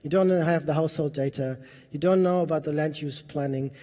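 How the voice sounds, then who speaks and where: A man's voice: a little high, a little fast, mellow. A man speaking as a panelist at a conference, arguing earnestly and stacking figures, with frequent restarts. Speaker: panelist, head of global programs of a development partnership. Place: large conference hall. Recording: long reverb of a conference hall.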